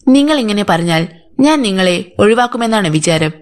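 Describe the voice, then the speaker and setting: A woman's voice: medium pitch, lively intonation, normal speed, close to an everyday voice. A woman voicing a male police inspector who questions firmly and sternly. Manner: firm, interrogating. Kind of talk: audiobook character voice.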